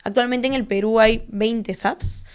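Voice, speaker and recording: Clear-voiced woman explaining investing. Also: fairly high pitch, fairly even intonation. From Peru. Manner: measured, explanatory, frequent fillers and tag questions. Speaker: guest, stock trader and finance content creator. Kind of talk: conversational interview.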